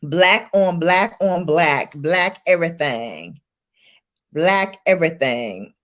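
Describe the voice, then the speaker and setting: Speaking in a fairly low, slightly bright voice at a slow pace, this animated Brooklyn woman hosts a casual livestream. Her Brooklyn New York accent colors the chatty banter; she laughs often and welcomes viewers by name while faint music plays.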